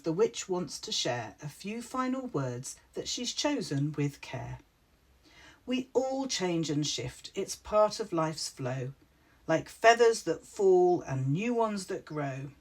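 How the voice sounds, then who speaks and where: Woman, picture-book read-aloud, slow, breathy, lively pitch, lowish voice. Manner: expressive, warm rhyming delivery. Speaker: author reading her picture book. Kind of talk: rhyming storybook read-aloud.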